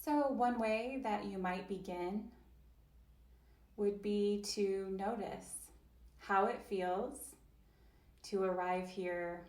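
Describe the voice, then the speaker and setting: Slowly and gently, a woman leads an interpreted chair yoga session, leaving long pauses between soft invitations. Her voice sits at a medium pitch, and the sound is reverberant.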